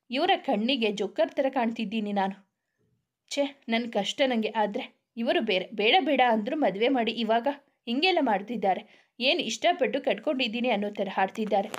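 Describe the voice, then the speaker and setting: A woman narrates a romantic family story with a fairly high voice. She reads it steadily, like a prepared script, and voices each character's lines in much the same voice. The telling stays calm and even throughout.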